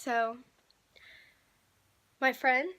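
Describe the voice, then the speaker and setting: High, bright-voiced young woman vlogger. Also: flat delivery, extremely slow. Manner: emotional, breaks into laughs and sighs. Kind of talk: personal storytelling vlog.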